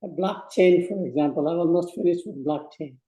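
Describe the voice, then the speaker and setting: A man in his eighties from Burma, giving slow, measured advice in a speech to students. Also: fairly high pitch, dark tone, echoey room, rough recording. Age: 80s. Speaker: guest speaker.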